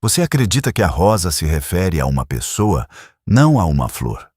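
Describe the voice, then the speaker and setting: A man voicing a composed, perceptive young woman who speaks quietly and questioningly, in an audiobook reading. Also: low voice, big pitch swings, normal speed, husky, dry recording, clean studio sound, full character voice.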